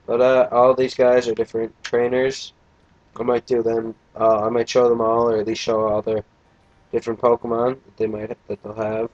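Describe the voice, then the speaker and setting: A man's voice: mid-range voice, monotone, normal speed, darkish tone, dry recording, lo-fi sound. A young man casually commentating a video game, tired and yawning, with a crude, joking, rambling manner. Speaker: let's play gamer.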